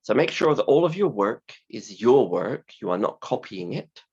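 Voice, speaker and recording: A man teaching a class in simple, deliberate, emphatic phrases, his voice hoarse, croaky and creaky from a sore throat. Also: mid-range voice, very animated, a little mellow, dull audio. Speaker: university English teacher. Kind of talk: scripted-slide lesson explanation.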